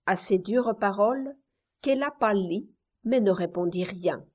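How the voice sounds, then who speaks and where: A woman reads a classic novel aloud in a measured storybook narration. Her voice sits at a middle pitch. She takes an unhurried, deliberate pace. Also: a little mellow. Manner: slow, measured reading. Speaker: audiobook reader.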